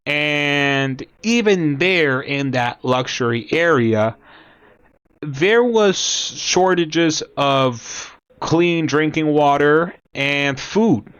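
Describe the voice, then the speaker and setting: A young man born in Cuba talks casually to his viewers, rambling and halting, and sometimes reads aloud from an article. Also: a little high, expressive, fairly bright tone, clean tone, muffled recording. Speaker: commentator. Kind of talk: casual talk to camera.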